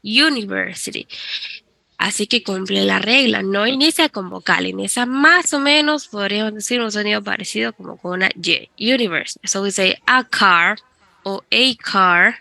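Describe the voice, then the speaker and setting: A woman's voice: mid-range voice, expressive, brisk, creaky, hardly any pauses, sharp tone, no room sound. A woman teaching an English class in Spanish, patiently explaining grammar rules step by step and switching between Spanish and English.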